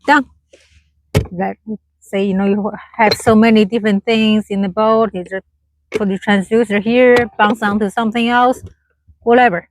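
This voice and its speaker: Her medium-pitched voice fairly even and her pace moderate, a woman demonstrates a product outdoors on a small motorboat. She talks in short, broken remarks while working, and boat and water noise fill the recording.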